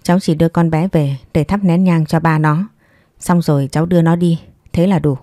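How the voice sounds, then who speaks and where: Give me a composed young mother in an audiobook story, read by a woman. She speaks calmly and firmly, weighing each word. Her voice is low and mellow, and the recording is dry. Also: no echo, natural voice. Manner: calm, measured, clipped.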